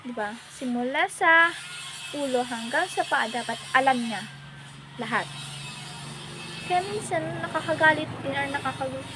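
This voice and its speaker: A woman's voice: sits high, normal speed, pauses often, music in the background. A young woman talking casually and emotionally to her vlog viewers, rambling with many fillers. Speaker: vlogger. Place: home, hot and alone.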